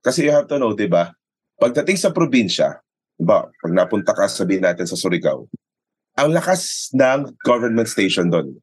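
A Filipino sports radio commentator chats casually in an interview, mixing Tagalog and English, explaining things and often seeking agreement through tag questions. His lowish voice is husky, very animated and brisk, with no echo.

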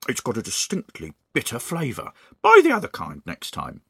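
A grouchy old storybook husband grumbles through a mouthful of food, sulky and fussy, as a man puts on the voice. The tone is bright with a husky edge, close and dry. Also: medium pitch, huge pitch swings, normal speed, dry recording, heavily acted. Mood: complaining. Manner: grumbling, talks with his mouth full. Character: grumpy bearded old man, Mr Twit.

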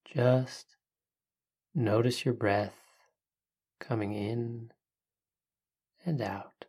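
A calm meditation podcast host with a medium-pitched voice, guiding the listener in short, soothing phrases. The delivery is very unhurried, with long pauses between instructions. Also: breathy edge. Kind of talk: guided meditation narration for a podcast.

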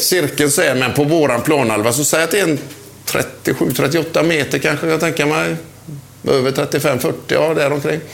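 An older man, a former footballer, telling a chatty anecdote about an old match, often laughing as he speaks. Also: fairly high pitch. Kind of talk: anecdotal storytelling.

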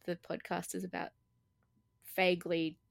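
A woman's voice: on the low side, level tone, measured pace, gravelly. A woman co-hosting a casual tabletop-game podcast, giggly and rambling, with lots of fillers. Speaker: podcast co-host. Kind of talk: casual chat.

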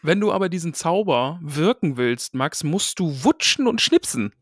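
A man's voice: a little high, very animated, normal speed, no echo, clean studio sound. A man hosting a casual book-discussion podcast, chatty and reading short passages aloud.

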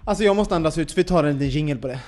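A man's voice: a little high, darkish tone. A man hosting a casual podcast chat, reacting expressively and asking questions. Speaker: podcast host.

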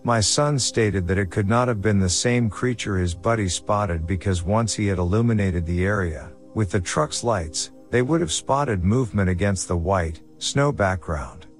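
A man narrating a horror story in a steady, measured way. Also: fairly low pitch. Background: faint background music.

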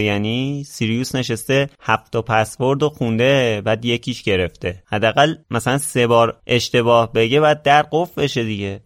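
A man's voice: mid-range voice, dry recording, clean studio sound. A man in a casual podcast chat, asking curious questions. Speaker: podcast co-host.

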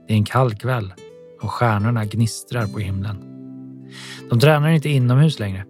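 A man reading an audiobook novel aloud in a steady scripted narration. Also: medium pitch.

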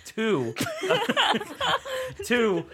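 A man playing a tabletop game, joking and quick to laugh. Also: very high voice, wildly swooping pitch, noisy background. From Utah. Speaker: player. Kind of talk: casual tabletop game banter.

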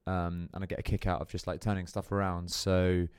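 A man's voice: deep voice, little pitch movement, brisk, darkish tone, smooth, no room sound, studio quality. A young man talking casually as a podcast guest, rambling with lots of fillers and restarts. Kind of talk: casual interview chat.

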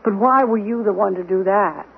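In a 1970s radio drama, a woman plays a formal, composed household servant lecturing her employer, her mid-range voice creaky yet natural at a moderate pace. She sounds prim, unflappable and gently reproving. The tinny old broadcast carries a faint hiss.

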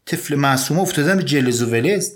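A man doing a panicky young friend in a comic audio story, his voice pushed a bit higher and louder, urgent and pleading as he rushes in with bad news. He talks in quick, worried bursts. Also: animated, close to an everyday voice. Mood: alarmed.

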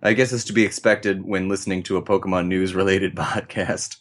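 A man's voice: deep voice, steady tone, a little fast. A man co-hosting a podcast, reading a listener's mail aloud in a playful, jokey way. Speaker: podcast co-host.

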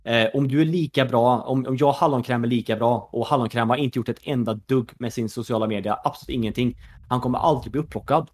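His mid-range voice holds a steady tone with few pauses. The speaker, a Swedish former pro gamer in his thirties who now works as an esports executive, keeps things conversational on a podcast, heavy with fillers and "you know."

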